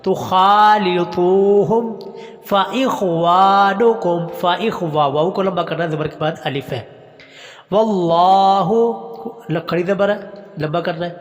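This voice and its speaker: High-voiced man teaching slow recitation. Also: in a large hall. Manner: recites verses slowly and drawn out, then explains plainly. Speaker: Quran teacher. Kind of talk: slow recitation lesson with explanations.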